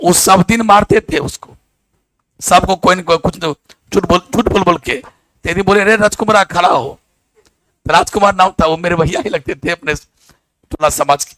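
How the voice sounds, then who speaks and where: A man's voice: high-pitched, moderate pace. A man from Bihar teaching biology, breaking into while he tells classroom stories. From Bihar, India. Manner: animated storytelling, acts out dialogue in local dialect. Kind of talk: classroom lecture with anecdotes.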